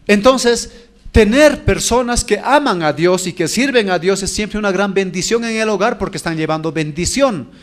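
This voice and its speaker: A man preaching a sermon as pastor, animated and acting out the voices in his Bible stories. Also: high-pitched, moderate pace.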